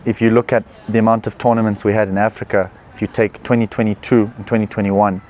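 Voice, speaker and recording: A man, a professional tennis player answering interview questions in an earnest, relaxed way with many fillers. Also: on the low side, fast, slight background noise. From Zimbabwe. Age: 20s. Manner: relaxed, earnest, with frequent "uh" and "you know" fillers. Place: tournament venue.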